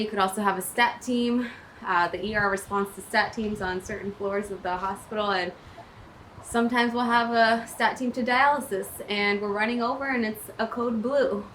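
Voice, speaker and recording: Speaking into a camera at arm's length, this young Maryland woman, an ER nurse, makes a chatty video application indoors against a panelled wall. Her medium-pitched voice is a bit bright, she laughs a lot and stays upbeat, and the poor recording carries some hiss or hum.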